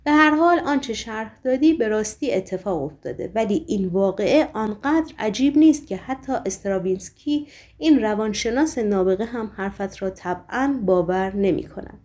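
A woman's voice: medium pitch, close to an everyday voice. A woman voicing a weary, sorrowful man. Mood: calm, sad. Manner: calm, earnest, apologetic.

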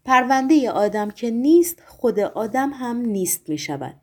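A man's voice: extremely high pitch, big pitch swings, exaggerated voice. A woman voicing a playful, mock-polite male trickster who conjures things away.

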